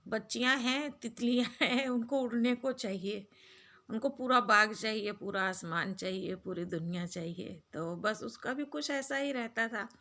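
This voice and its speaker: A middle-aged woman and mother talking gently and directly to young girls, giving casual advice in a vlog. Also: on the high side, measured pace. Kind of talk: casual advice talk to camera.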